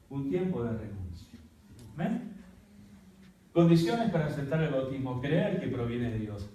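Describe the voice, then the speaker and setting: A male pastor teaching a church workshop in a preaching manner, with a fairly high voice. He tells his story dramatically and breaks into loud, high bursts. The sound comes from far off the mic in a very echoey hall. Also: a little hiss or hum.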